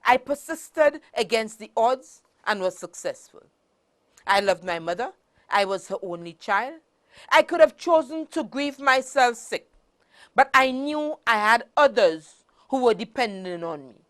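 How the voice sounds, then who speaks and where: A woman with a high voice delivers a prepared motivational speech. She speaks in formal, emphatic phrases, deliberately placed. Her R's are not fully formed and sound close to W's. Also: animated, a bit bright. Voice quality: cannot pronounce R's properly, says w-like sound for r.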